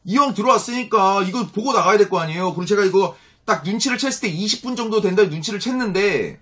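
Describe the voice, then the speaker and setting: A man's voice: sits high, expressive, fast talker, bright, forceful tone, slightly rough. A man in his thirties telling viewers an angry story and acting out both sides of the exchange. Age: 30s. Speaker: vlogger.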